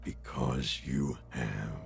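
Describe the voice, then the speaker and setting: An actor playing a sardonic, weary dead man's corpse in a video game, with a guttural rasp and a taunting, drawn-out delivery. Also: rumbling low, faint music behind, heavily acted. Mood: mournful. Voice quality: very gravelly, guttural rasp, often breathy.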